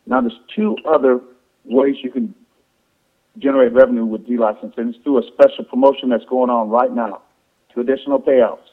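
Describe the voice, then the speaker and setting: A man with an average-pitched voice delivers an informal sales pitch to affiliates. He explains step by step, often repeating words and restarting phrases. The sound is thin and band-limited, like a conference call over the phone. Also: breathy edge, phone-quality sound. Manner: repetitive, halting explanation with false starts.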